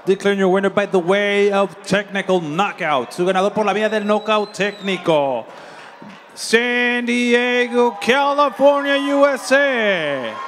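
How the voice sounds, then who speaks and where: Guy doing bilingual ring announcer stuff, lucha libre style, high voice, drags out names, noisy live venue. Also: measured pace, fairly bright tone. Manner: ceremonial, stretches out names and places. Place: live boxing event.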